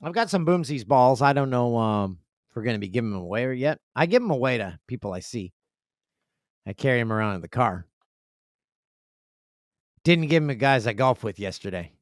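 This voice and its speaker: With a mid-range voice, brisk delivery and long pauses, this man hosts a casual podcast indoors, reading listener emails and telling animated, jokey, rambling stories. The studio-quality recording has no room sound, and the room has a video setup.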